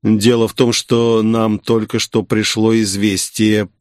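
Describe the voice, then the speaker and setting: A man's voice: fairly low pitch, level tone, unhurried, darkish tone, dry recording, clean studio sound, close to an everyday voice. A man voicing a courteous older count who speaks politely and deferentially.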